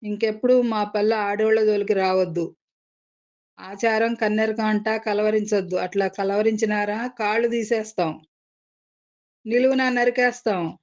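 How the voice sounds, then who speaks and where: A fierce village woman, voiced by a woman narrator hurls loud threats. The storybook voice is mellow, with a dull, lo-fi tone. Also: medium pitch, steady tone, normal speed, close to an everyday voice.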